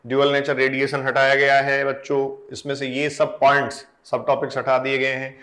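A man's voice: mid-range voice, completely flat delivery, normal speed, fairly bright tone. A man, an exam coaching educator talking students through syllabus changes and reading out lists of deleted topics. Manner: addresses students directly, reads out topic lists.

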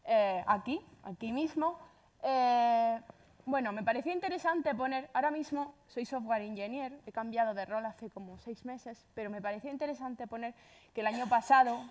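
A woman with an Andalusian accent giving a chatty, self-deprecating conference talk, speaking quickly. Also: fairly high pitch.

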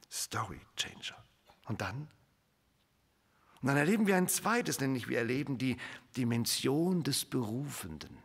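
Husky, animated male preacher in a reverberant hall. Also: mid-range voice. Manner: dramatic swings from whispers to emphatic raised lines; addresses the congregation directly with rhetorical questions. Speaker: pastor. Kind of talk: sermon.

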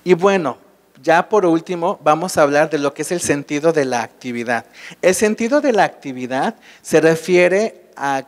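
Speaking to a live audience at a state congress, a man with a Mexican Spanish accent delivers a conference talk in a voice that sits fairly high for a man. His intonation is lively and his pace moderate, and he keeps quizzing the room with rhetorical questions as he explains his points. His words trail off into the long reverb of a large hall.

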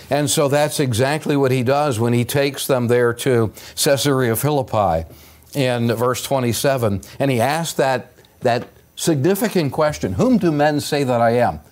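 An older man preaching a sermon as pastor, earnest and emphatic, with pauses and rising stresses, recorded on a pulpit microphone in a church sanctuary. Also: mid-range voice, darkish tone. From United States.

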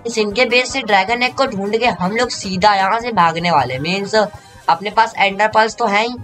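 A young man giving excited gameplay commentary as a gaming YouTuber, repeating words in a rush. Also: high-pitched. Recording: background music under voice.

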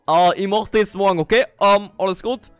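A man's voice: high-pitched, fairly even intonation, normal speed, clear, resonant tone, dry recording, faint music behind. A man with an Austrian accent playing a Minecraft role-play, talking with many hesitant fillers and breaking into panicky yelps. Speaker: gamer.

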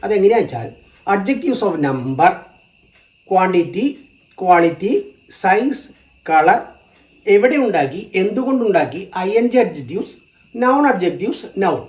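A teacher walks through a grammar lesson, repeating every term and example slowly, in two languages. The voice sits at a middle pitch. The room rings with noticeable echo. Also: a little mellow. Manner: slow and repetitive, stating each term in two languages.

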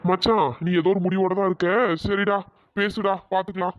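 A voice performer playing an easygoing young male friend who gives calm advice. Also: medium pitch, fairly quick, lightly acted. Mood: advising. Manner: calm and advising. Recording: dull lo-fi voice track.

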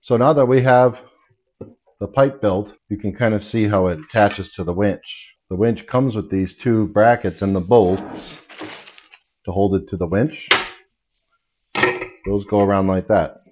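A man's voice: lowish voice, measured pace, long pauses, dull audio, slight background noise. A middle-aged man casually explaining a DIY build in his home garage workshop, practical and plain, with small restarts, recorded by a camera a few steps away. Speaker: DIY channel host.

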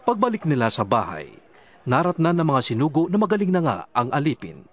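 A man's voice: a little high, huge pitch swings, brisk. A man reading a Bible narration, telling the story steadily. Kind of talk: scripted narration. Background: music.

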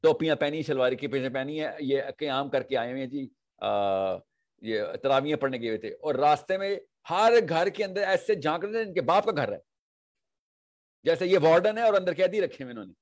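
Religious lecturer, man, a touch high-voiced, animated storyteller who keeps asking the room questions. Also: moderate pace. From Pakistan. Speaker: religious speaker.

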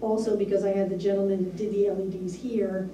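At a board meeting, a town administrator reports on town business in a measured, businesslike way, frequently pausing on "um." Her voice is medium-pitched, and the lo-fi recording from a far room camera makes her sound distant in a small, echoey municipal meeting room with a steady hiss underneath.

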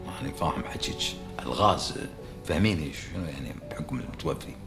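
Brisk fatherly boss. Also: rumbling low, animated, creaky, music in the background, exaggerated voice. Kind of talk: TV drama acting.

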